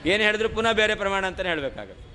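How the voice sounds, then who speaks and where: Bright-voiced male scripture lecturer. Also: sits high, big pitch swings, very fast, a little hiss or hum. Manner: explains Sanskrit lines in Kannada, asks and answers his own questions. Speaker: scholar teaching a scripture text. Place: lecture hall.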